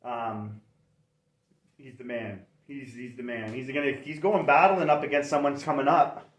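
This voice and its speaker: Steady in tone and speaking at normal speed, a middle-aged man from Canada hosts a casual livestream near a fireplace in a medium-pitched voice. He stays cheerful, rambles, and revises himself mid-thought. A mic placed far away gives the audio a roomy echo.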